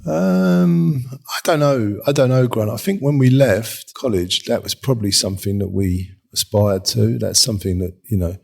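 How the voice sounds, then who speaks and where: A man's voice: mid-range voice, moderate pace, creaky, few pauses, darkish tone. A man, a designer, chatting in an interview in a rambling, self-mocking way and laughing often. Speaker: furniture designer, guest. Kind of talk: casual interview chat.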